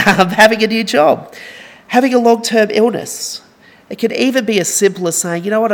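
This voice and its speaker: A man's voice: high-pitched, creaky. A young man preaching a sermon in an earnest, conversational way, mixing scripture with stories.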